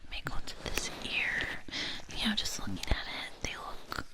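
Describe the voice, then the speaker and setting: A woman in a whispered role-play as an ear examiner, speaking in a soft, breath-only whisper with a gentle, reassuring manner and frequent check-ins. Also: a little slow. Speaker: ASMR performer playing an ear examiner.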